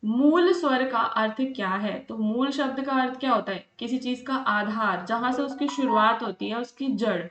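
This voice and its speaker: A woman's voice: a little high, normal speed, few pauses, a bit bright. A woman tutoring for an exam, explaining patiently, repeating points and asking checking questions as she goes. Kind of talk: explaining lesson, mixing Hindi with English. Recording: roomy lo-fi recording.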